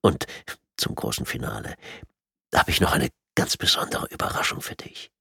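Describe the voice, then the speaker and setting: A man with a raspy, creaky voice voicing a calm, sadistic torturer who speaks in a soft, menacing whisper. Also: a bass voice, moderate pace, dry recording, clean studio sound, pitched below the performer's own voice, full character voice. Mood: quiet menace. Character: calm sadistic male torturer posing as surgeon.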